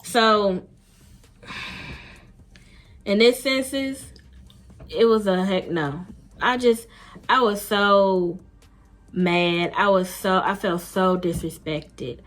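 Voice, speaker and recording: A woman's voice: medium pitch, very slow, long pauses, fairly bright tone. A woman vlogger telling a dating story in a blunt, emphatic, slangy way, casually talking to her viewers.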